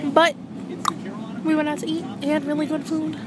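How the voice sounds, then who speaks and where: High-voiced teen girl chatting in a noisy car. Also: level tone, normal speed. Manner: chatty, storytelling. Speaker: podcast co-host. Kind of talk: casual chat. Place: back seat of a car. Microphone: phone. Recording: phone recording with road noise in a car.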